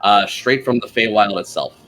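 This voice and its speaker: Man, game master narrating, easygoing, bright forceful voice. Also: lowish voice, moderate pace, faint music behind. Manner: easygoing, hesitant with fillers. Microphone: streaming microphone.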